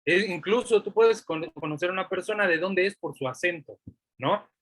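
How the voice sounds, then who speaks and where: A man with a Mexico City accent teaches an online class, tossing out rhetorical questions and tagging his points with "¿no?". His voice sits high and sounds bright and forceful. It is recorded dry and close, with no room sound. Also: moderate pace, dry recording. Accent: Mexico City Spanish.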